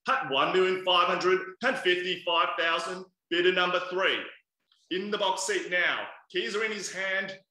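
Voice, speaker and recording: A bright, sharp-toned Australian man in his thirties calls a live property auction over a webcam, persuasively coaxing and pushing buyers with repeated bid calls. His fairly high voice stays steady at normal speed. He's indoors by a large glass window, and the room sound is echoey.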